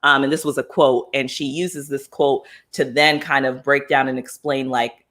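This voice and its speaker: Leading a relaxed book club chat, this US man speaks at medium pitch and works through his ideas aloud. He often uses fillers and restarts sentences, alternating between bursts of excitement and reflective pauses.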